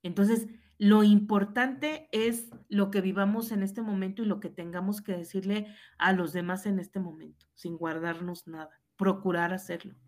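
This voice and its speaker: A woman's voice: medium pitch, steady tone, moderate pace, few pauses, darkish tone. Earnest Mexican woman teacher telling a story. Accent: Mexican Spanish. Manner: earnest, frequent tag questions, reenacts dialogue. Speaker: high school teacher. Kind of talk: reflective personal storytelling in conversation.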